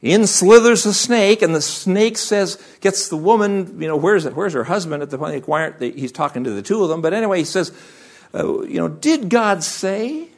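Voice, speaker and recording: A man's voice: high-pitched, a little fast. A man preaching a sermon as pastor, asking the congregation rhetorical questions.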